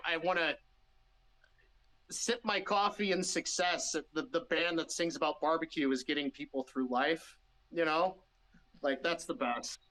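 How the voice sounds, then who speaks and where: A man with a Midwestern American accent talks through his band's story in a loose, rambling way. His voice is bright and forward, pitched a little above the usual for a man, and he trips into restarts as he goes. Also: poor audio. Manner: rambling, restarts often, laughs easily. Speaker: band member guest. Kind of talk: casual interview chat.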